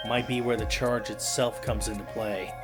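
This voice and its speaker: A man playing a calm, methodical young lawyer. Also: lowish voice, normal speed, music in the background, natural voice. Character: earnest young male defense attorney.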